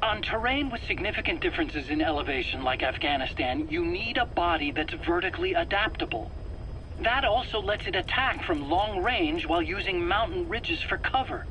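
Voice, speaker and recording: In dramatic video game voice acting, a man plays a defensive, rambling weapons scientist under interrogation, hesitant and prone to stammering as he earnestly explains. His high-pitched voice is expressive, bright, and forceful at normal speed. The rough cassette recording has faint background noise.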